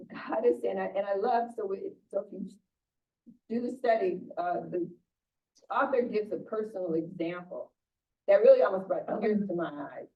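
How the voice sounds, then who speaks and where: An older woman pastor giving an informal, conversational sermon, often restarting and repeating words. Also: mid-range voice. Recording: distant muffled church recording.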